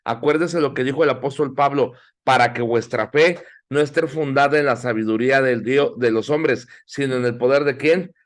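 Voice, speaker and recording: A man's voice: medium pitch, normal speed. A middle-aged man teaching a Bible class in sermon style, exhorting listeners and asking them questions. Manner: exhorting, asks the audience questions.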